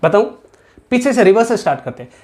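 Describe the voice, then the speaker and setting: A man's voice: high-pitched, big pitch swings, quick pace, a little mellow. Emphatic Hindi-speaking accounts teacher, man. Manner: emphatic, repeats key points, talks straight to students; mixes English accounting terms into Hindi. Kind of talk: exam-prep lesson to students.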